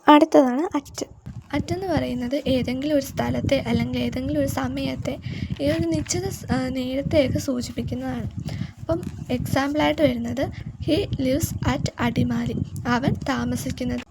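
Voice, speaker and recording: A woman teacher explaining grammar, reading her example sentences slowly and deliberately. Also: high voice, fairly even intonation, creaky, heavy background noise.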